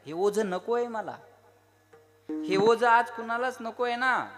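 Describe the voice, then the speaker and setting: A man with a Marathwada Marathi accent preaching a devotional kirtan sermon, firing rhetorical questions and prodding the crowd to answer. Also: a little high.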